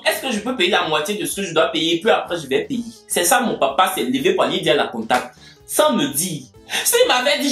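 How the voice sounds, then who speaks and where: Young male storyteller, very animated delivery, roomy distant sound. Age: young adult. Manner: animated, acts out dialogue with big pitch jumps. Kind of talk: casual personal storytelling. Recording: echoey room, mic at a distance, faint music.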